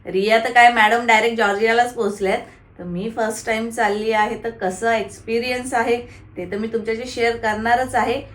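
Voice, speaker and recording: A woman's voice: on the high side, fairly even intonation, brisk, echoey room. A woman vlogger, chatting casually to her viewers and talking baby talk with a toddler. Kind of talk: casual vlog chat.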